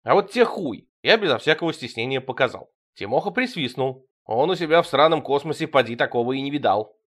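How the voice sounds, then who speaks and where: A man reading a surreal, profane story aloud with wry, deadpan narration between voiced dialogue. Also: medium pitch, quick pace.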